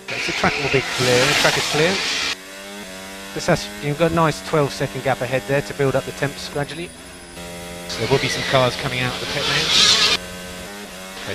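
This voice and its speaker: Race engineer calling over team radio. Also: male voice, medium pitch, heavy background noise. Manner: repeats numbers and calls twice. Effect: pit wall team radio to a race car.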